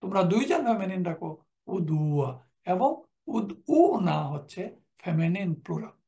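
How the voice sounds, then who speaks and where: Man, Arabic grammar teacher, recorded lecture, slightly rough gravelly voice, recites verb conjugations and verses. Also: high voice, very animated, normal speed, dark tone. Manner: drills verb forms aloud, reciting Quran verses in between.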